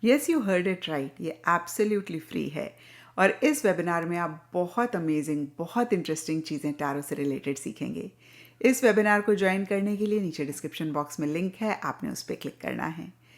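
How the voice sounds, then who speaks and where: A woman's voice: lowish voice, lively intonation, moderate pace. A woman giving a tarot reading, talking chattily and mixing Hindi with English phrases, often repeating points for emphasis. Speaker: tarot reader. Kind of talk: tarot reading talk to camera.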